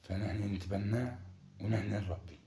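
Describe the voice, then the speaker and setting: A man talks in a dark, gravelly voice, evasive and coaxing. He speaks quickly, and his voice echoes around a roomy space. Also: lowish voice, a little hiss or hum. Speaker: husband pulling a prank. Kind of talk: prank conversation.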